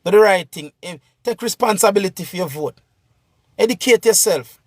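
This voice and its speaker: Jamaican male vlogger, very high voice, dry sound, impassioned repetitive commentary. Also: normal speed, dry recording. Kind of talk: political commentary rant.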